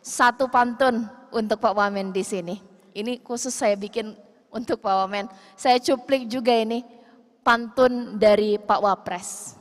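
A woman's voice: on the high side, steady tone, measured pace. A woman in her thirties moderating a formal event, polished and upbeat, speaking into a handheld mic. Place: large hall stage. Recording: long hall reverb.

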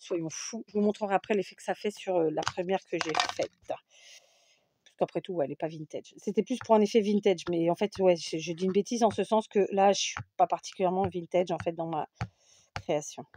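A woman with a mellow, relaxed voice talks through a casual crafting tutorial. She chats freely, often hesitating and correcting herself mid-sentence. Faint clicks of handled tools sit under her voice. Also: lowish voice, brisk, a little hiss or hum. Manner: chatty, self-correcting, many fillers. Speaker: scrapbooking tutorial host.

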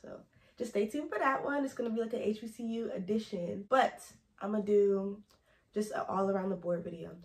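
A woman's voice: medium pitch, a little fast. A young college woman talking casually to her camera, rambling and easily sidetracked as she gives advice. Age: young adult. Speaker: vlogger. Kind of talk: casual chatty advice vlog.

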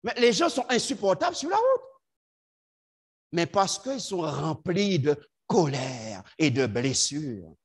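A man preaching a sermon to his congregation, swinging between loud emphatic lines and low quiet asides. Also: sing-song, takes it slowly, husky.

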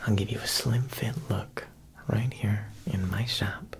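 Slightly slow and gravelly, his fairly low voice keeps a fairly even intonation. The young ASMR performer whispers as a tailor in the guise of a wisecracking, subtly menacing Italian mob boss, ending lines with frequent "huh" tags.

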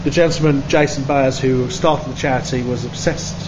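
The charity's organiser, filming the artist in an indoor pub, gives a long, earnest explanation from behind the camera in a medium-pitched voice with fairly even intonation and moderate pace. The camera mic recording sounds dull and carries clear background noise.

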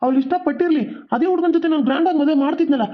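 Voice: mid-range voice, natural voice. A hot-tempered adult son in a cartoon, as a voice actor plays him, firing off reproaches at his mother at a breakneck pace. The recording sounds dull and lo-fi. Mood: angry. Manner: rapid-fire, reproachful. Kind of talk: cartoon voice acting.

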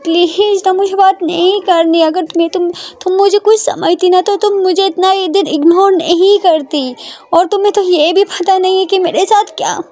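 A woman's voice: very high-pitched, fairly even intonation, normal speed, voice pushed up. A woman doing a hurt, snappish young girlfriend. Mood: angry. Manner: sharp and dismissive. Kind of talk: storybook voice acting.

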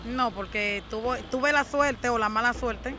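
A woman's voice: on the high side, measured pace, noisy background. A young woman from the Dominican Republic answering interview questions earnestly, firm about who she is.

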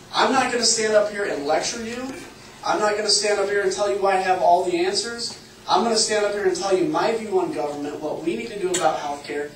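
A congressional candidate in his thirties from Illinois gives an earnest, conversational campaign speech at a town hall in a public meeting room. His voice is high, and the recording is echoey and far from the mic, with faint ambience and slight background noise.

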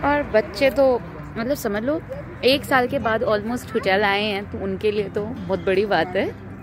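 A woman's voice: mid-range voice, steady tone, unhurried, background noise. A woman in her thirties chatting playfully to her phone camera on a family road trip, mixing English words into her talk. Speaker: family vlogger. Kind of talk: casual travel vlog chat. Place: outdoors at a roadside restaurant garden, then in a car. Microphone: phone held at arm's length.

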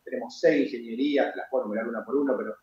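A man, a university rector explaining things in a measured way, with many hesitation fillers, on a TV interview over a video call from his office. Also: mid-range voice, darkish tone. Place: office with flags and bookshelf. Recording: roomy, dull video-call audio.

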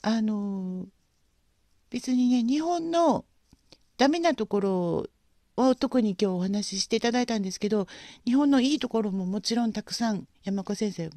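A woman hosting a casual livestream, speaking gently and politely with frequent pauses and fillers. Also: fairly high pitch, expressive, no room sound. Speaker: livestream host.

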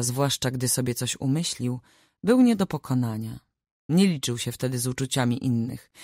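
A woman narrating a family saga audiobook in a measured, expressive reading on a close studio mic. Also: very deep voice, no room sound. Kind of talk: scripted narration.

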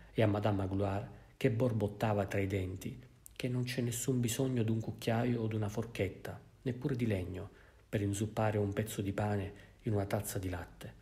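Measured Italian male audiobook narrator. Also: fairly low pitch, dark tone. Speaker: audiobook reader.

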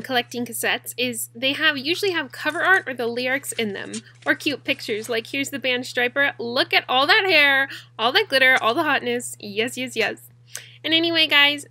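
Here a cassette-collecting YouTube host, a young adult woman, talks casually to her audience during a tutorial recorded indoors in a small bedroom. Her voice is high with a sharp edge, and she giggles and rambles as she goes.

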